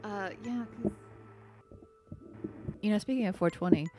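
A woman with a mid-pitched voice chats casually as a gaming co-host, with quiet music underneath. She is jokey and profane, with a dark sense of humor. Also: unhurried. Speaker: let's play co-host. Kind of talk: casual chatty gameplay commentary.

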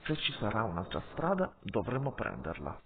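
A man's voice: fairly low pitch, huge pitch swings, moderate pace, noisy background. A man voicing a principled pack wolf who speaks firmly and declares his view, in an audiobook with tinny sound. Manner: declaring, firm.

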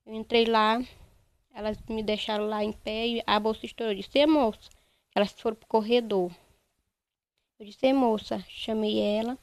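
A young woman, giving a halting, repetitive first-person account in a news interview. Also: a little high, flat delivery, no echo. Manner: halting, repetitive retelling, quoting others. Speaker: interviewee, bereaved mother.

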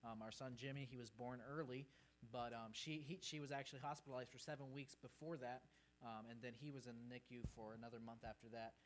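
This missionary guest, a man in his thirties raised in Peru, talks fast in a mid-range voice with little pitch movement. He gives the congregation an earnest, informal presentation from the sanctuary pulpit, and the recording carries a faint hum and background noise.

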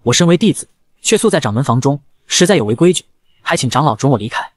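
A man voicing a cold, reserved young male disciple who answers curtly, in a fast manga recap narration. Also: mid-range voice, big pitch swings, pitched below the performer's own voice. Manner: cold, curt.

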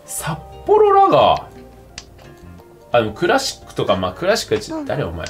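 A man's voice: lowish voice, wildly swooping pitch, rapid-fire. A tipsy young man chatting casually and rambling in slangy speech as he livestreams a game over drinks. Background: game music.

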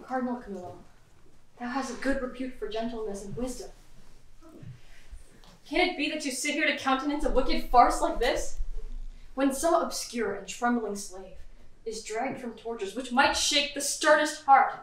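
A woman's voice: a little high, normal speed, long pauses, a bit bright, lightly acted. A woman playing a young noblewoman on trial in a live stage play, impassioned and pleading. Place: theatre stage. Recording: echoey hall from far off.

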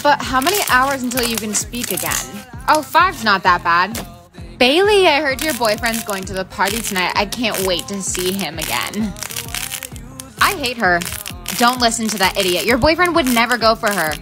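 A bratty teen girl full of snark, as a woman plays her in a slightly high voice. She teases and talks over people in a comedy skit, over background music. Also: big pitch swings, normal speed. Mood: snarky. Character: bratty teenage sister and friends. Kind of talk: acted POV skit.

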